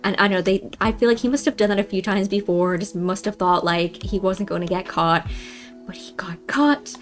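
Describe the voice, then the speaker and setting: Young woman streaming a game, mid pitch, rambly and chatty, lots of ums, keeps saying guys. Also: fairly even intonation, brisk, faint music behind. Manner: chatty, rambling, many fillers and restarts, addresses viewers as guys. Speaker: livestream host. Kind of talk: casual storytelling during a game livestream.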